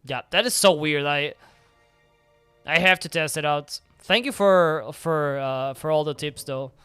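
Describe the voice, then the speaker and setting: A man's voice: a little high, measured pace, pushed and bright, clear, resonant tone, no echo. A young man streaming a video game live, chatting casually and rambling with lots of filler words. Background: faint game music.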